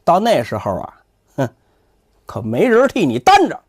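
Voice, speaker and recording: A man acts out a haughty young monk in a spoken storybook tale. He is boastful and sneering, talking down to his listener with menace. His pitch swings very widely, and the sound is close and dry. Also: wildly swooping pitch, moderate pace, no room sound. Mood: haughty, menacing. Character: smug, threatening young temple monk guarding donation box.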